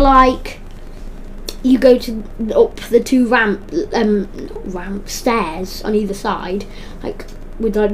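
A woman hosting a podcast, chatting casually about a video game in a rambling, excitable way and often correcting herself mid-sentence. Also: medium pitch, a little hiss or hum. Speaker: podcast host. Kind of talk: casual gaming chat.

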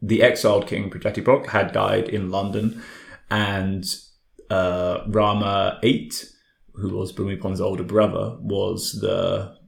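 A man's voice: on the low side, little pitch movement, takes it slowly, creaky. A man hosting a casual history discussion, thinking aloud as he goes. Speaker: podcast host. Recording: echoey room.

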